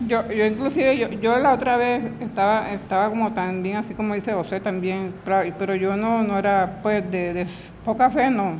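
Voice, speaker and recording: A woman giving an emotional religious testimony in halting, repetitive speech, retelling her prayers in her own words. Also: medium pitch, steady tone, darkish tone, a little hiss or hum, poor audio. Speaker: church member giving testimony.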